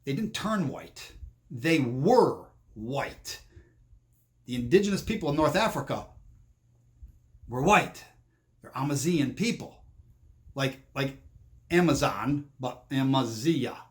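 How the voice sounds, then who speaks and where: A man's voice: medium pitch, sing-song, slow pace, pauses often. A man giving a rambling monologue commentary, often restarting and repeating himself.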